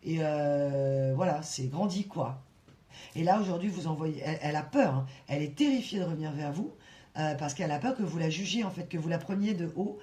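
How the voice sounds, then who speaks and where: A woman giving a casual tarot reading, talking in an animated way and full of restarts and fillers. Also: low voice, fairly quick. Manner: breaks into soft sung song lines. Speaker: tarot reader.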